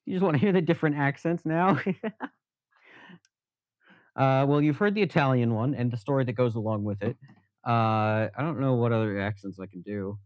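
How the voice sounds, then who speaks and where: A man's voice: mid-range voice, normal speed, pauses often, dry recording. A man live-streaming from his workbench, chatting casually and jokingly with many fillers while he works. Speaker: livestreamer. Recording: dull, slightly lo-fi stream audio.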